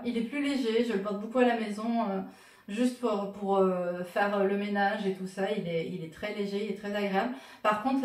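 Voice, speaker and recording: A woman's voice: mid-range voice, a little mellow. Woman rambling on about her shirts, dry jokes and lots of euh, kinda far from the mic, echoey room. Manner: wry, joking, many fillers. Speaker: vlogger showing her T-shirts. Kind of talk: casual talk to camera.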